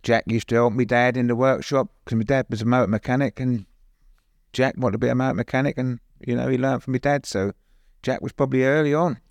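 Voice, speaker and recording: A man's voice: medium pitch, fairly even intonation, quick pace, dry recording. An older man with an East London accent, recollecting plainly as an interview guest, often adding "you know". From East End of London, later Suffolk. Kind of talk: conversational personal recollection.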